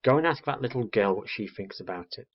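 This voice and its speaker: Man reading as a gentle, firm mother owl, low, storybook, dull lo-fi sound. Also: animated, a little fast.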